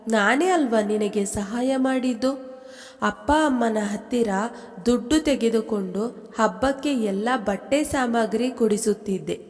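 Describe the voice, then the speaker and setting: A woman's voice: a little high, darkish tone, in a large hall, lightly acted. A woman voicing a young wife who tearfully accuses the friend who betrayed her, in a storybook reading.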